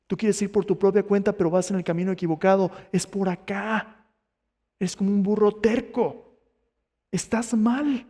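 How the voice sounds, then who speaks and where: A man's voice: high voice, steady tone, normal speed, dark tone, in a large hall, voice pushed up. A man voicing a stern divine figure rebuking a persecutor, firm and scolding.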